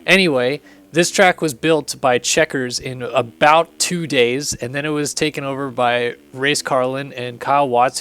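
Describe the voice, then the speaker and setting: A young male host gives casual commentary on a game track walkthrough, his medium-pitched, slightly bright voice hoarse and gravelly from losing it. He stays chatty and upbeat while sounding apologetic.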